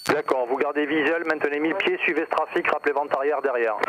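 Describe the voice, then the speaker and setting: A man's voice: a little high, steady tone, fast. A man working as an air traffic controller, giving clipped instructions over aviation radio as heard in a pilot headset. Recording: very noisy radio, engine noise behind.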